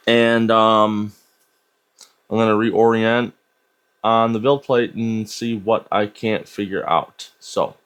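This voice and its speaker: A man's voice: lowish voice, a bit bright. A young man vlogging casually about 3D printing, rambling and hesitant with lots of filler words. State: hyped on an energy drink. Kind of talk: casual vlog talk.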